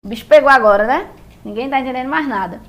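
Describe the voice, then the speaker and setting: Brazilian woman teaching music basics, kinda high voice, patient, keeps checking everyone's following. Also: quick pace. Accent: Brazilian Portuguese. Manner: patient, repeats and checks in with "beleza?". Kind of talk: explaining music theory at a board.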